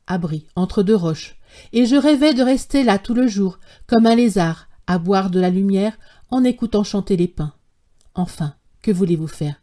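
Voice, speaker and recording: A woman narrating a classic short story as an audiobook, in a measured, literary reading style. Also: mid-range voice, mellow.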